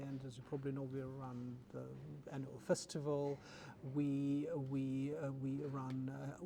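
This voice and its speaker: In a noisy recording, a Czech-raised man who serves as an orchestra's general manager gives faltering interview answers full of repeated words. His voice is mid-range and warm.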